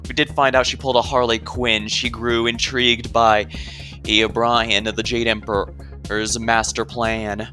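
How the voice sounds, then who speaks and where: A man's voice: mid-range voice, little pitch movement, a little slow, bright, forceful tone, soft background music. A man commentating on a game he plays, rambling and stumbling over his words as he goes. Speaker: game streamer playing a visual novel. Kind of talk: game commentary and reading dialogue aloud.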